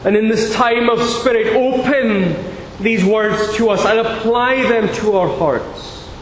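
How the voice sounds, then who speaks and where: Slow, high-voiced pastor at a pulpit microphone. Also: male voice. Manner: measured, deliberate reading. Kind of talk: sermon with scripture reading and prayer. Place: large church sanctuary. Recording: echoey church hall with long reverb, faint hiss.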